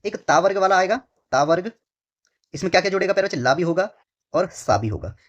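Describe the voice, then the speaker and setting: On a dull lo-fi recording, an exam tutor teaches online in a high, expressive, slightly bright voice at a slightly fast pace. He poses his own questions and answers them, says phrases over and over, and keeps calling his students warm names.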